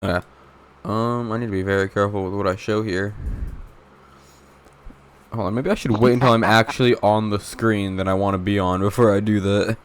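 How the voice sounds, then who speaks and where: A young man co-hosting a podcast in casual chat, rambling and interrupting himself, with deadpan teasing. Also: lowish voice, moderate pace, pauses often, smooth. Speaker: podcast co-host.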